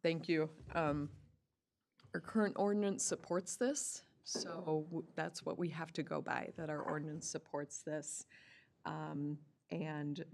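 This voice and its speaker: A woman county commissioner commenting at a public board meeting in a casual, halting way. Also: deep voice, vocal fry, a little hiss or hum. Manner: casual, halting, self-correcting.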